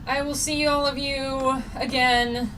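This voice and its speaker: This woman's voice is high-pitched and fairly bright but barely moves in pitch, and she talks slowly. An author hosting a relaxed game stream, she rambles, laughs often, and uses many fillers, captured on a distant mic with noticeable noise.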